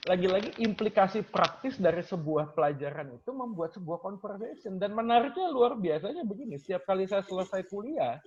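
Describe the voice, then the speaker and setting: A male lecturer talks in a relaxed, conversational way, acting out his students' questions as he tells stories. His voice sits a little higher than most men's. The recording sounds dull and muffled. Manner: animated storyteller, acts out students' questions, mixes in English phrases. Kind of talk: casual talk sharing teaching stories.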